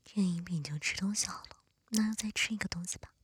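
A woman whispering softly and chattily to her listeners in an ASMR eating video, close to the microphone. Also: mid-range voice, fast talker, husky, no echo. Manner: soft unvoiced whispering close to the mic. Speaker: ASMR creator. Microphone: close sensitive mic.

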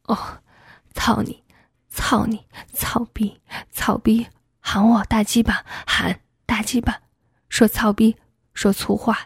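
A commanding husband urges in a hushed, insistent whispered role-play, voiced by a woman. The whisper is husky and pitched fairly high, and it sits close and dry. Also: level tone, slow, no room sound, exaggerated voice. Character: a husband, adult man, aroused and commanding.

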